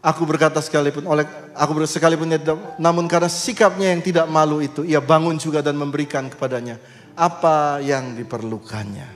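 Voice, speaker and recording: A male pastor preaching a sermon, voice surging high and loud on key phrases as he leads the congregation through scripture. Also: steady tone, fairly quick, in a large hall, soft background music. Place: church sanctuary.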